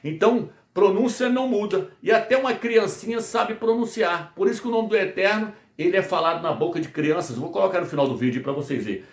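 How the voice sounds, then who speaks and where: A fairly high-voiced man from Brazil preaches a Bible study in an echoey room. He drives his points home by firing questions and answering them himself, over and over. His teaching is emphatic and repetitive. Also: a little fast, hardly any pauses. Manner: repetitive call-and-response questioning.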